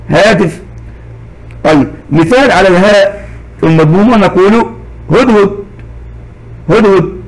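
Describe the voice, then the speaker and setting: A man teaching a recorded lesson to young children, slow and patient, saying each example word twice. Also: high-pitched, rough recording.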